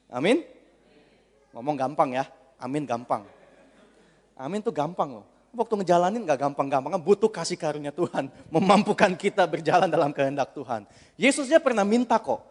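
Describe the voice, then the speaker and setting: Animated preacher with a high, lively voice. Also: male voice. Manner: animated preaching, acts out a whining child and a patient father. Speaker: pastor. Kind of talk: sermon. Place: large church hall. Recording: long hall reverb.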